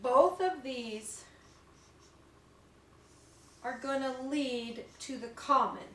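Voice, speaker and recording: A woman giving a classroom lecture, explaining step by step with many fillers and pauses. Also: high voice, echoey room, a little hiss or hum, low-quality recording.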